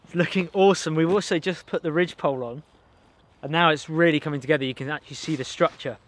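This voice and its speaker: Fast and on the high side, this man's voice comes through a dry recording from a camera mic that is sometimes distant. In his thirties, he hosts a bushcraft channel and explains his forest build with enthusiasm while working, in casual vlog style.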